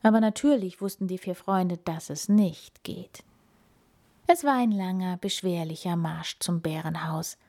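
A woman in whispered story reading, telling a children's story aloud in a slow, hushed way. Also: on the low side.

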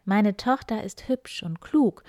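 Woman doing a boastful fairy-tale miller, loud and hurried, recorded dry. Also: medium pitch, dry recording, pitched above the performer's own voice, close to an everyday voice. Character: boastful, regretful old miller.

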